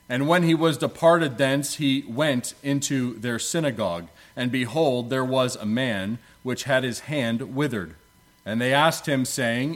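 A man leading prayer and reading scripture from a pulpit microphone in a church, in a solemn, measured way with archaic biblical wording. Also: medium pitch. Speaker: preacher.

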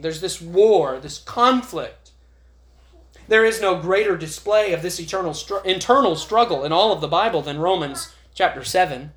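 A man's voice: sits high, fairly bright tone. A man preaching a sermon at a church prayer meeting, earnest and growing emphatic as he reads scripture aloud. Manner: earnest, rises to emphatic when reading scripture. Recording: echoey chapel room.

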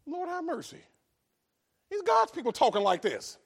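A grandfather pastor preaching a sermon, dropping to hushed asides and then rising to shouted exhortation. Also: very high-pitched, wildly swooping pitch, normal speed, creaky.

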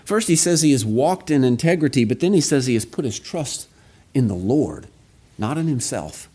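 A man preaching an expository sermon in a measured, earnest way, reading scripture and stressing key phrases. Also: mid-range voice, very animated, mellow, husky.

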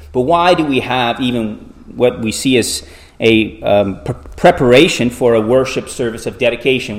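Pastor preaching at a pulpit microphone. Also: male voice, mid-range voice. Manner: measured, deliberate delivery with frequent restarts. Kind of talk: sermon with scripture reading and prayer.

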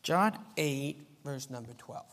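The echo of a church hall trails behind this live Sunday sermon, given by a visiting missionary who grew up in Argentina as a missionary kid. Speaking slowly in a slightly high, somewhat bright voice, he addresses the congregation informally and plainly, sharing anecdotes and prayer in the sanctuary.

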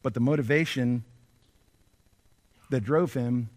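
A male pastor preaching a sermon, impassioned and building to near-shouts as he voices prayers. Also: medium pitch, slow pace. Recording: long reverb of a large hall.

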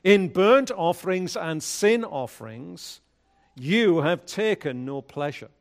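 A man speaking at a pulpit microphone, a pastor leading prayer and reading scripture in a measured, solemn way. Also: sits high, lively intonation, creaky. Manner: measured, solemn liturgical delivery.

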